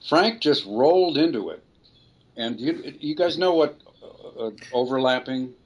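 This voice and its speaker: An older man, a voice actor, telling a rambling, relaxed story in an interview. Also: mid-range voice, measured pace, a little hiss or hum. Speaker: voice actor guest. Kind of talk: anecdotal storytelling.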